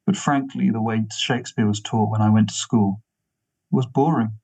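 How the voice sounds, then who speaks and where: A man with a husky voice, talking casually as an interview guest in a discursive way, repeating himself for emphasis. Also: lowish voice, steady tone, moderate pace, a little mellow, poor audio. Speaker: interview guest, theatre actor and director.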